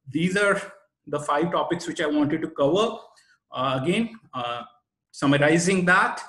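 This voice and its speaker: With a fairly bright voice on the high side, a man with an Indian accent gives an explanatory webinar presentation. He's an SEO expert who teaches didactically and stresses his main points. Echo fills the roomy recording.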